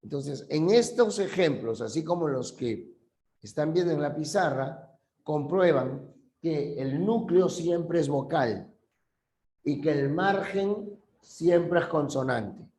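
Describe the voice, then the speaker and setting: A man's voice: on the high side, lively intonation, slow pace, a little mellow, echoey room. A male teacher giving a classroom language lesson, patiently repeating key terms and checking that students follow.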